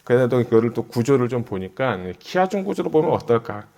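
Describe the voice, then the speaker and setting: A man's voice: medium pitch, animated, brisk, a little mellow. A middle-aged male pastor giving a Bible exposition sermon, talking through his thoughts casually and turning earnest and urgent when he urges his listeners. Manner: conversational, thinks aloud, grows urgent when exhorting.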